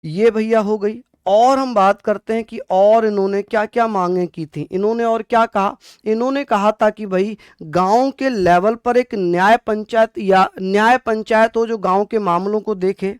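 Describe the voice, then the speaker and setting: Smooth-voiced male teacher, dry close sound. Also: sits high, steady tone, normal speed, few pauses, no room sound. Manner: repetitive, addresses students as bhaiya; asks questions and answers them himself. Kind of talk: online exam-prep lecture.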